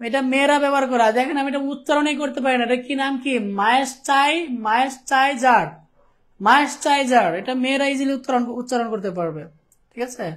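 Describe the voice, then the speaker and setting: A young man from Bangladesh teaching a live online class, chatty and teasing his students, often checking "okay?". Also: very high voice. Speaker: ICT teacher.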